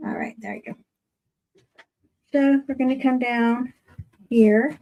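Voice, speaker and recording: Woman craft host, slightly high voice, casual hands-on chatter for a home tutorial. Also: fairly even intonation, slow, dull audio. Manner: chatty, talks to viewers while working hands-on.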